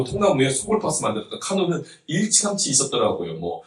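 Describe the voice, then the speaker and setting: A man's voice: mid-range voice, fairly bright tone. A man in his thirties, a pastor, preaching a conversational sermon with jokes and laughter, recorded from a distance in a church sanctuary. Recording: roomy hall from a distance.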